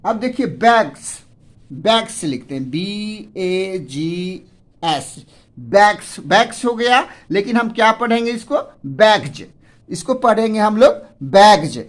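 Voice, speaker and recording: Man, middle-aged, classroom lesson, unhurried drawl, repeats each word. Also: sits high. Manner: repetitive, asks and answers own questions. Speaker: English teacher.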